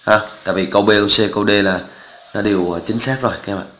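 Guy teaching math, explains step by step, keeps checking students get it, bright voice. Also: fairly low pitch, fairly even intonation, very fast, echoey room, a little hiss or hum, low-quality recording. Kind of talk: exam walkthrough lesson.

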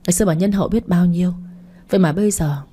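A woman's voice: on the low side, rapid-fire, dark tone, husky. A woman narrator voicing a stern older father who scolds his wife and daughter in an audio story. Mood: scornful. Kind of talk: audiobook reading.

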